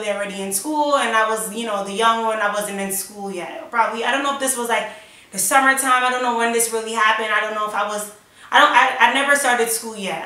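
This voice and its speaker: A young woman telling a story in loose, rambling chat with a bright, slightly high voice. She sits away from the mic in a very echoey room. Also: distant mic. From United States, New York and Florida. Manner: rambling and chatty, lots of "like" and "yo". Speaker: vlogger. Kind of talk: casual storytime.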